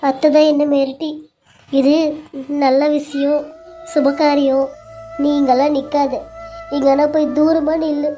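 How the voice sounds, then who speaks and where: Woman voicing a crying young wife, family serial drama, high pitch, flat contour, hurt. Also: unhurried, long pauses, soft background music. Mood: tearful. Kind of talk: Tamil family serial voice acting.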